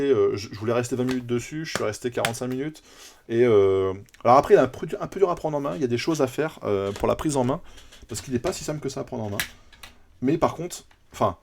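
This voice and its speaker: A man's voice: medium pitch, darkish tone, slight background noise. Rambling male game streamer. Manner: rambling, chatty, lots of fillers and restarts. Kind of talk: casual live gameplay commentary.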